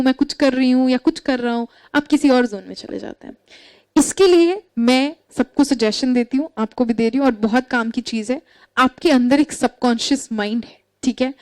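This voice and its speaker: A woman teaching students in an online class, with a high, clear voice. She switches freely between Hindi and English, stops to check that the class is keeping up, and talks to them like an elder sister giving advice. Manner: mixes Hindi and English, asks students questions, addresses them as beta.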